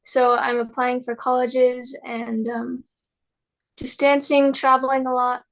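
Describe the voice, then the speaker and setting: A woman's voice: high voice, level tone, a little slow, vocal fry, low-quality recording. A teenage girl born in Hong Kong answering interview questions in an easygoing, hesitant way, with lots of "um"s. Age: teens. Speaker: guest.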